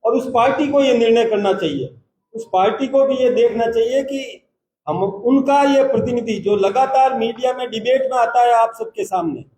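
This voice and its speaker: A man, a party state president, giving a formal, measured press conference statement and taking reporters' questions in turn. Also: extremely high pitch, a little mellow. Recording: roomy echoey hall.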